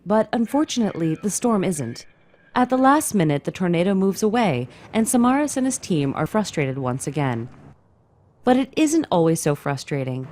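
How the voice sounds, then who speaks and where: Lower-pitched woman narrating, very animated delivery. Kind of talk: scripted documentary narration.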